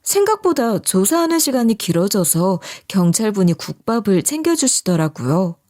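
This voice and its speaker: Expressive woman narrating a true story. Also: mid-range voice, normal speed. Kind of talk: first-person story narration.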